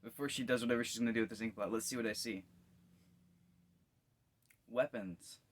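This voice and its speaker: A man's voice: mid-range voice, steady tone, fairly quick, slight background noise. A tired man giving casual reaction commentary, yawning and musing loosely as he watches. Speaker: video reactor.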